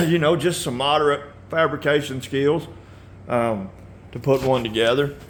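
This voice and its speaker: A man hosting a casual motorcycle how-to video in his garage, relaxed and rambling, often clearing his throat and coughing. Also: mid-range voice, unhurried, slight background noise. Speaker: motorcycle builder and channel host.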